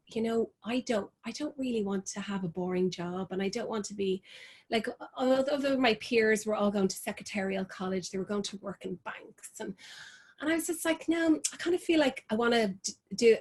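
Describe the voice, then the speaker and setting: An Irish woman in her forties, a fashion designer talking as a guest over a video call, chatty with many ums, restarts and laughs. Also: mid-range voice. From Ireland.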